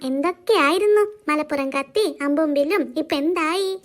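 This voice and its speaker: A woman's voice: high-pitched, a little fast, close to an everyday voice. A woman voicing a smug, taunting older sister in a cartoon.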